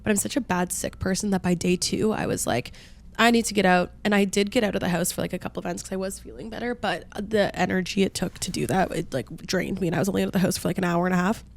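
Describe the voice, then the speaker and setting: A woman's voice: fairly low pitch, fairly even intonation, fast, gravelly, few pauses. Congested young woman, chatty podcast co-host. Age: 20s. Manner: gushing, chatty with "like" fillers. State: congested, nasal from a cold. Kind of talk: casual chat.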